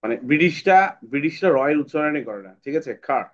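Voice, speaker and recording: A man teaching English pronunciation in an online class, patiently repeating words slowly for drilling. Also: fairly high pitch, animated, highs cut off.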